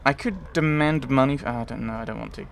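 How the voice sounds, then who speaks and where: A man's voice: mid-range voice, quick pace, a little hiss or hum. A man doing casual game commentary, thinking aloud in muttered asides and reading bits of game text. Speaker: let's player.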